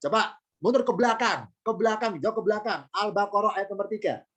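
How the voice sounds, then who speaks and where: A man's voice: high-pitched, brisk, fairly bright tone. Indonesian man teaching grammar, self-questioning. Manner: explanatory, asks and answers his own questions, light joking. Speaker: Quranic Arabic grammar teacher. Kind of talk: online lecture.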